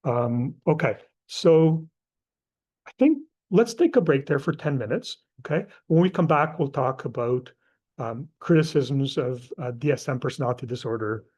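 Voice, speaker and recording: A man's voice: mid-range voice, expressive, moderate pace, a little mellow. A middle-aged man from Portugal with a Portuguese accent gives a live class lecture in a casual, conversational way, with many fillers and asides.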